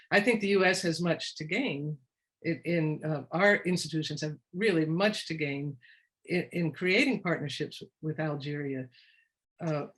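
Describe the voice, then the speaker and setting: A woman presenting in a webinar as an education expert, speaking encouragingly and often restarting mid-sentence. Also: low voice. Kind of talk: webinar discussion.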